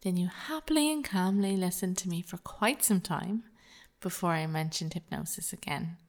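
A woman reading a scripted hypnosis narration in a measured, soothing, persuasive way. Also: lowish voice.

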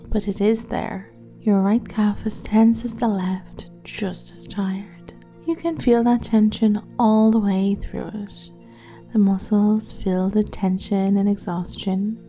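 A woman speaking softly and slowly, often in a whisper, guiding a massage and hypnosis roleplay in the second person. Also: fairly high pitch. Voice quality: soft, slow, soothing, often whispered. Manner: second-person guided imagery. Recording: soft music behind the voice. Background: faint music.

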